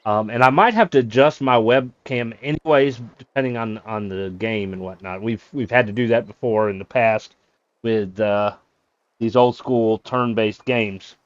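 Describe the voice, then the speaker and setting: A man streaming a game from a small closet office, chatting casually in a monotone way, with many fillers. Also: mid-range voice, moderate pace, dry recording, lo-fi sound. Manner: self-described monotone, rambling with fillers. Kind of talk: casual live-stream chat.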